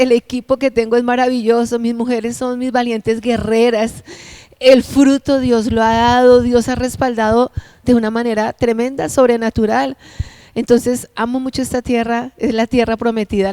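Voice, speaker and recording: Middle-aged woman pastor, heartfelt testimony, slightly high voice, dry close sound. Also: little pitch movement, moderate pace, dark tone, clear, resonant tone, no echo. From Bogotá, Colombia. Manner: heartfelt, earnest and emotional. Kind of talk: personal testimony.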